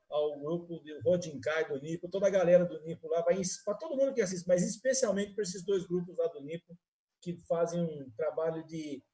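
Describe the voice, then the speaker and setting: A man's voice: on the high side, warm tone. A man who hosts a live online interview and talks in long friendly runs with restarts. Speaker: host. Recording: live video stream.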